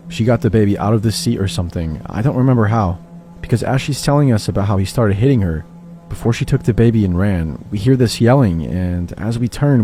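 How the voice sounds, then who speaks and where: A man narrates a true horror story in the first person, in a low voice. His tone is dark and mellow, and he keeps an even storytelling pace. Soft music plays faintly behind him.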